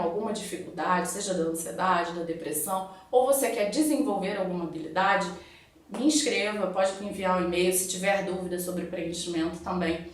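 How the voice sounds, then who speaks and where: A woman psychologist with a Brazilian Portuguese accent, giving an online video lesson and patiently explaining step by step with examples. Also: on the low side. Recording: very echoey room, voice far from mic.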